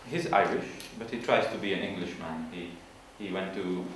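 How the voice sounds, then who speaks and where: A man giving an informal literature presentation, explaining in a halting way and searching for his words. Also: low voice. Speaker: student presenter. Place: large room at an evening school event. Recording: echoey hall from far off, faint noise.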